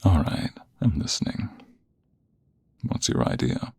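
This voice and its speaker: Slow and flirtatious, a man voices a smug office rival trying to seduce the listener in close ASMR roleplay. His husky half-whisper is breathy, a little mellow and natural-sounding, and he comes across as teasing and amused.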